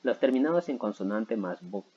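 Low, mellow-voiced man teaching grammar. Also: lively intonation, normal speed, slightly rough, highs cut off. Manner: patient, repeats himself with many "¿sí?" and "¿no?" check-ins. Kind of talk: explaining grammar to school students.

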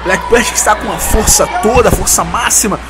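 A Brazilian man doing excited play-by-play commentary as a wrestling commentator. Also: high-pitched, brisk. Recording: loud music and crowd behind voice. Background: loud music and crowd noise.

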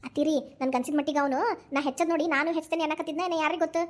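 A strict young cartoon mother, played by a woman with a North Karnataka Kannada accent. She scolds briskly in a very high voice, words tumbling out fast. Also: steady tone, lightly acted. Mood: scolding. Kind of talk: cartoon voice acting.

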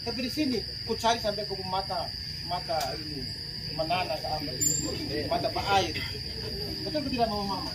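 A middle-aged man with a Papuan Indonesian accent preaching a sermon, lively and quizzing the congregation. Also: high-pitched, fairly quick. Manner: lively, asks the congregation questions. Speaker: priest. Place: outdoor open-sided tent at night. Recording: loud insect noise from far off.

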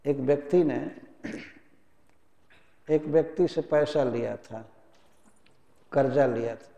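A man giving a devotional sermon as a spiritual teacher, telling stories in a lively, chiding way. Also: medium pitch, takes it slowly, creaky. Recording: echoey hall.

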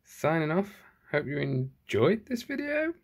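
A man's voice: fairly high pitch, very animated, unhurried. A man casually talking through an unboxing at home, thinking aloud and correcting himself as he goes, filmed one-handed on a handheld camera. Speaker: channel host. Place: at home indoors. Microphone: handheld phone camera, filming one-handed.

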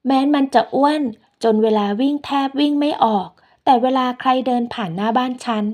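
A woman telling a first-person story in a gentle, unhurried way. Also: sits high.

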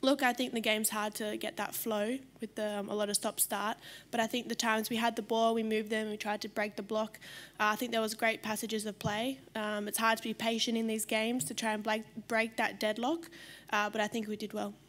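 A young Australian woman footballer answering reporters after a match, measured and full of fillers, into a desk mic in a press room. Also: a little high, little pitch movement, a bit bright. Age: young adult. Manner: measured, many fillers, trailing off at ends. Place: press conference room in front of sponsor board. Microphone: desk microphone on stand.

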